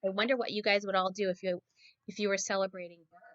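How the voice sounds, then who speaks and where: This woman reads quickly in a steady, mid-range voice that's a bit bright, voicing a children's picture book expressively like a teacher and often turning to ask her young listeners questions. The sound is dry and lo-fi.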